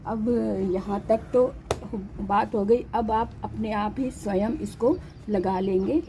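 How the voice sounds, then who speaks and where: A woman's voice: mid-range voice, slow pace, mellow, slight background noise, low-quality recording. A woman teaching a patient, step-by-step lesson, saying each syllable twice. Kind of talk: slow step-by-step Hindi lesson.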